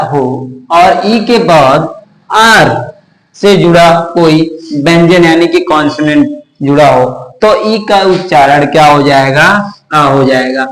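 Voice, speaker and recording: A man teaching English pronunciation, spelling words out letter by letter and answering his own rhetorical questions. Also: on the high side. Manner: slow, repetitive explaining. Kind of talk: classroom-style lesson. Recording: echoey room.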